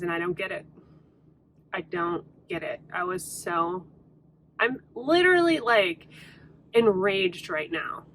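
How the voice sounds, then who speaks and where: A woman's voice: medium pitch, fairly bright tone, a little hiss or hum. A woman talking frankly about books in a casual vlog, often exasperated and swearing freely. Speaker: book vlogger. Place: in a truck on a hot day.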